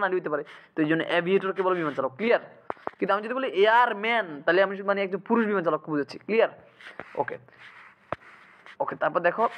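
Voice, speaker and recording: A man teaching English grammar for exam prep, often pausing to ask his students if it is clear. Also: high voice, fairly bright tone, slight background noise, rough recording. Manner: keeps checking students understand with quick asks.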